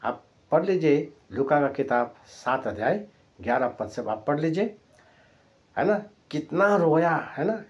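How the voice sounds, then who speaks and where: A man's voice: on the high side, expressive, unhurried, muffled recording. A man preaching a sermon, retelling a story vividly with repeated phrases and constant tag questions to his listeners. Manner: repetitive, emphatic phrasing.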